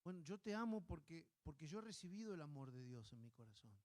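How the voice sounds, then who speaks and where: A man preaching a sermon as pastor, earnest, often checking in with the listeners and acting out little scenes in higher voices. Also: fast. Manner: animated storyteller, acting out a baby and parents in high voices.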